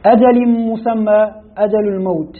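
A man's voice: high-pitched, steady tone, moderate pace, slight background noise. A man reading a classical commentary aloud in a lesson, carefully, with stumbles and restarts. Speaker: student reading the text aloud. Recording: tinny phone-like lo-fi audio.

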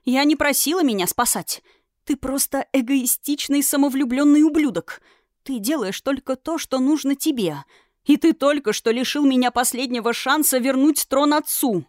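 A woman's voice: lively intonation, normal speed, no echo, clean studio sound, natural voice. Woman doing a furious young princess. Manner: shouting, accusing, high and strained. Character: angry young fiery princess, furious and tearful.

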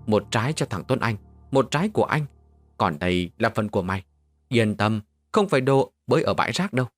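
A man voicing a poor, tough boy who acts as a protective big brother, talking in a gruff, bossy way. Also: lowish voice, big pitch swings, a little fast, no echo, soft background music.

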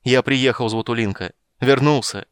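A man voicing a hearty middle-aged merchant who calls out in a loud, booming way. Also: moderate pace, smooth, no room sound, clean studio sound, close to an everyday voice.

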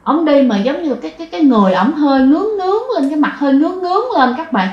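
A woman's voice: high-pitched, expressive, quick pace, highs cut off. A woman telling a ghost story, chatty and addressing her listeners directly. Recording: roomy echo.

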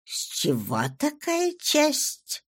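A woman reading an audiobook and voicing a cool, scheming adult baroness who speaks slowly and in a guarded, measured way. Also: sits high, huge pitch swings, pitched above the performer's own voice, exaggerated voice.

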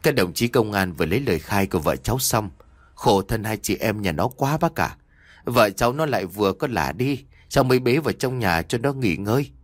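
A man's voice: expressive, a little fast, dry recording. A man doing a choked-up grieving young husband. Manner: choked, low and subdued.

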